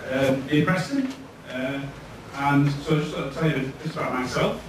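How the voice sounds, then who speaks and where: This speaker is a man in his thirties from Lancashire, England, with a voice pitched a little high. He delivers a casual, talkative tech meetup presentation to an audience in an event room, pausing often with "um." Sound quality is noisy and echoey, with the mic set at a distance.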